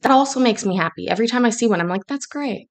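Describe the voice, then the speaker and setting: Streaming casually from her kitchen at home, a woman born in Scotland chats, cracks jokes, and lets some sarcasm show. She talks fast, in a fairly high, expressive voice.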